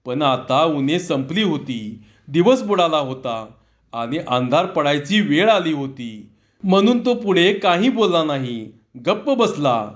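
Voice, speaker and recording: A man narrating a humorous story in a measured, descriptive way. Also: fairly high pitch. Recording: dull lo-fi recording.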